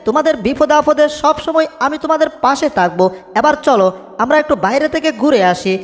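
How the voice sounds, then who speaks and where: A woman plays a soft-hearted cartoon cat who whines and frets. The voice is high. It echoes with a long reverb tail. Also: fast, natural voice. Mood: fretful. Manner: whiny, fretful, cries out in alarm. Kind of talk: homemade cartoon dub.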